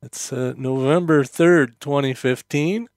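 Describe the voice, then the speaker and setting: A man's voice: mid-range voice, measured pace, no echo, studio quality. Rambling, clean-sounding man podcasting solo, slightly numb-mouthed. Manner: hesitant, meandering, conversational. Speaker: podcast host.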